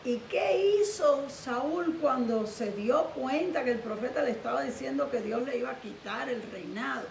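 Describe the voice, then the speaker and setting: A woman pastor preaching a sermon with animated storytelling. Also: high voice, normal speed, vocal fry. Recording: echoey room, distant mic, faint hiss.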